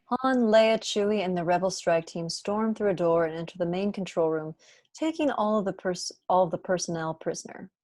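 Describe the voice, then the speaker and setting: A young woman reads screenplay stage directions aloud as scripted narration for a table read, joining by video call from home. Her voice is lowish and darkish in tone, moderately paced, and the recording is dry.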